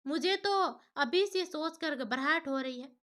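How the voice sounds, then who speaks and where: A woman's voice: high voice, measured pace, a bit bright. Woman voicing a caring elder sister in a storybook, earnest and persuasive. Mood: worried.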